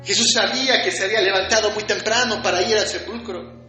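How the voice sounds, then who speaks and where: A man's voice: high-pitched, fairly quick, pushed and bright. A man preaching a fervent sermon, piling up repeated phrases and acting out short quoted exchanges. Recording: very echoey room with faint music.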